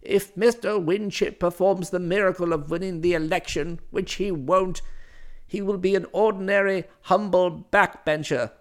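Storybook role: imperious older matron, haughty and scolding, measured delivery, put on by a male reader. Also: high-pitched, steady tone, lightly acted. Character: stern imperious older woman candidate.

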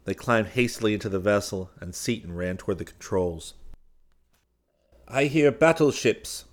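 A man narrating a science-fiction audiobook in a steady, measured reading. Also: low voice.

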